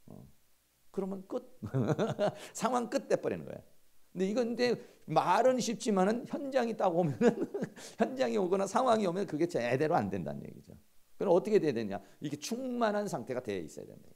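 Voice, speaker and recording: A middle-aged man giving a seminary lecture in a conversational, animated way, acting out everyday quarrels. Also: high-pitched, a little fast, vocal fry.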